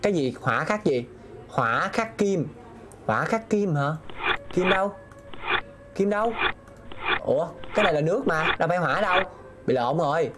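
A man's voice: on the high side, expressive, moderate pace, pauses often, heavy background noise. A man streaming a game, talking himself through puzzles and reading viewers' messages aloud. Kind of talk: live gameplay commentary.

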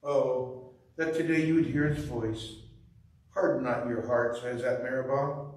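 A man serving as lector, reading scripture at Mass in a slow, solemn way, heard with cathedral echo. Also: mid-range voice, darkish tone. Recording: echoey church, mic far off.

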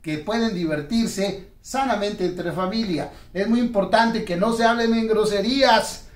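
A man's voice: high voice, unhurried. A man hosts a ventriloquist comedy sketch. He speaks politely and moralizes as he scolds his puppet. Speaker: host and ventriloquist. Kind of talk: family comedy sketch with a lesson. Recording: roomy echo, far from mic.

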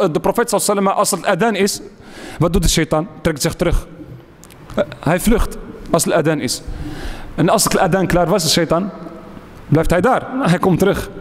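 In a lecture hall, a man gives a sermon-style religious lecture, emphatic and full of repeated key phrases and questions he answers himself. His voice is high-pitched and carries a long reverb tail.

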